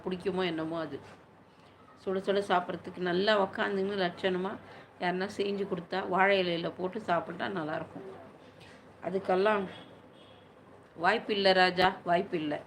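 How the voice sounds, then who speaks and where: A woman's voice: mid-range voice, fairly even intonation, fairly quick, a bit bright, a little hiss or hum. A woman chatting casually on a live stream, answering viewers' questions at length.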